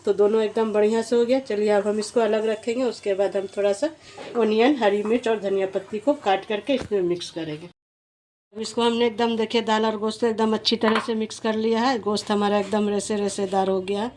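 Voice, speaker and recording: A woman's voice: mid-range voice, steady tone, brisk, warm tone, a little hiss or hum. A woman, hosting a home cooking demonstration in a homely, repetitive way, often restarting her words. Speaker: cooking channel host.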